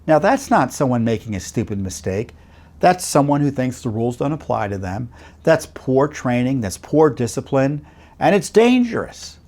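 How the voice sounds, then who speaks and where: A man's voice: mid-range voice, sing-song, moderate pace, a little mellow. A middle-aged man hosting a commentary segment, talking in a conversational way with fillers and rhetorical questions. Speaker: host. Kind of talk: commentary to camera.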